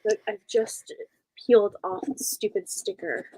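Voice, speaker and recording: A woman's voice: mid-range voice, big pitch swings, measured pace, gravelly, darkish tone, breathy edge, no echo. Giggly young woman cohosting a livestream. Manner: chatty, giggly, reads out viewer comments. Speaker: livestream co-host. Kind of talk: casual livestream chat.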